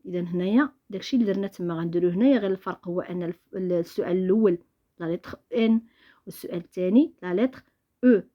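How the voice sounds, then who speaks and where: A woman with a Moroccan accent teaching a primary school French lesson, mixing Darija and French and saying each word twice, slowly. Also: on the low side, dull audio. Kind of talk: lesson explaining exercises.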